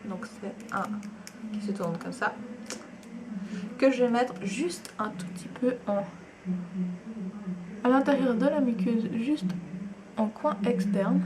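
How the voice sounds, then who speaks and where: A woman's voice: fairly high pitch, takes it slowly, pauses often, a loud crowd. A young woman, chatting enthusiastically through a makeup tutorial at home, with frequent fillers and asides. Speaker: beauty vlogger.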